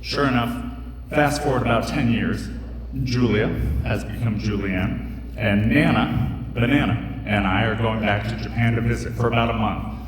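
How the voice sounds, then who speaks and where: On a hall stage before a live crowd, a young man from the United States spins a playful, rambling tale full of fillers and side comments, speaking in a lowish voice at normal speed. Slight background noise accompanies him, and the distant recording carries the hall's echo and the audience's sounds.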